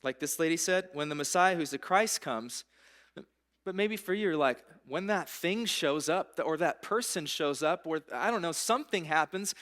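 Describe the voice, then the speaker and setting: A man giving a casual, conversational sermon as a pastor in a church, his delivery swinging from hushed to urgent. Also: sits high.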